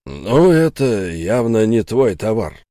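A stern, calculating burgomaster in an audiobook speaks in slow, clipped phrases with a low voice, as a man puts him on. The sound is dry and close. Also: very animated, dark tone, no echo. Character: stern, calculating middle-aged male burgomaster.

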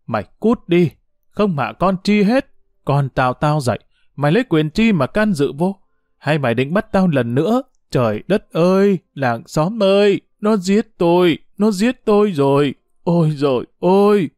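A man's voice: fairly high pitch, animated, moderate pace, dark tone, no room sound, clean studio sound, lightly acted. A man voicing a furious, screaming middle-aged peasant mother who threatens her daughter. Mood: shrieking.

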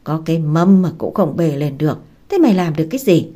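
A woman voicing a harsh, contemptuous sister-in-law who yells and scolds. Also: sits low, animated, fast talker. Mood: scornful. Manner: scornful, yelling.

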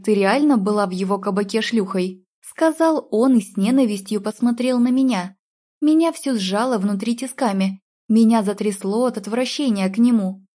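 Warm-voiced woman narrating an audiobook. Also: on the high side. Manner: emotional, dramatic reading. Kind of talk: first-person audiobook narration.

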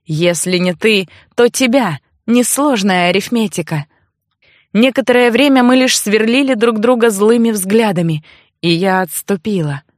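A woman narrating a first-person novel as an audiobook, expressive and dramatic. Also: mid-range voice, a little slow, no echo, clean studio sound.

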